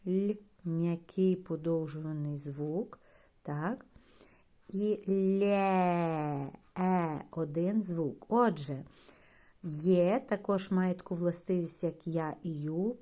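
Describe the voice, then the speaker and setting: A woman primary school teacher giving a phonics lesson to young children, drawing out syllables slowly and calling the pupils her dear ones. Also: fairly low pitch, mellow. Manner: slow, patient, drawn-out syllables and sounds.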